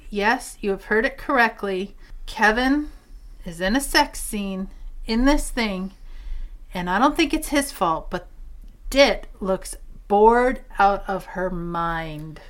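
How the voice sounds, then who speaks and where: A woman co-hosting a podcast, chatting casually about a film in an animated, exasperated way and laughing often. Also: mid-range voice. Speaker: podcast co-host. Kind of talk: casual chat reviewing a film.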